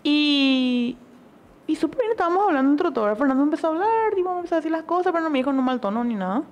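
A young woman, streaming and telling gossip in casual chat, animated and full of fillers. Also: high voice, rapid-fire, highs cut off. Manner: animated storytelling with frequent fillers. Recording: faint background noise.

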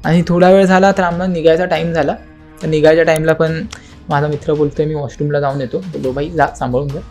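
Speaking quickly in a level tone, a young podcast guest with a fairly high voice dramatically recounts a spooky story. He performs the voices and knocking sounds, drops English words into his speech, and faint soft music plays behind him.

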